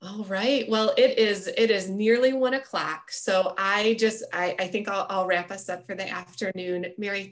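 An American woman in her thirties hosting an online book club in a polite, appreciative, conversational way. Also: medium pitch. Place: small room at home, indoors. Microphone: video call computer microphone.

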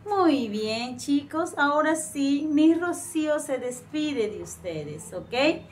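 A young woman teaching children English words bilingually, slowly modeling each word for them to repeat. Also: high voice, lively intonation. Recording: echoey room, voice from far off, faint noise.

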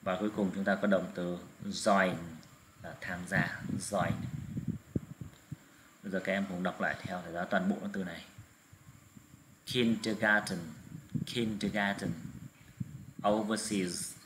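A male English teacher leading a slow vocabulary drill, saying each word twice for the pupils to repeat. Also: low-pitched. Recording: steady background noise.

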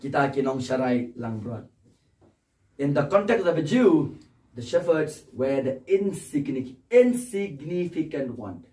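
A male pastor preaching a sermon emphatically, repeating key phrases and rising into shouts. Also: a little high, expressive, measured pace. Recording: echoey room, mic far off.

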